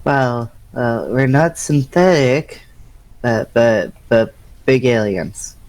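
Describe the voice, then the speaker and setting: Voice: medium pitch, slow pace, a little mellow. A bubbly, giggly player in a tabletop role-play game.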